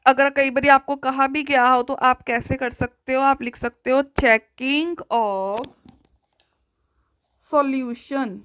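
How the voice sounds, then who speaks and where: Slow, high-voiced woman teaching math. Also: a bit bright, poor audio. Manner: slow, deliberate dictation of working. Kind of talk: step-by-step math lesson.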